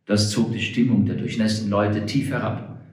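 A man narrating a storybook in a measured, storytelling way. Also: fairly low pitch, steady tone, a little mellow. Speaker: audiobook narrator. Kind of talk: scripted narration. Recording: roomy echo.

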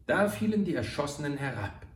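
A man reading an adventure novel aloud in a slow, dramatic storytelling manner. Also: on the high side, big pitch swings. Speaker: narrator. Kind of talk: audiobook narration of an adventure novel. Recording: roomy, far from the mic.

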